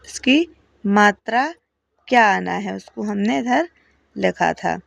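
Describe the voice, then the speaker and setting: A woman teaching English phonics at home, patiently calling out word lists and stressing each word loudly. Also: mid-range voice, a little slow, creaky.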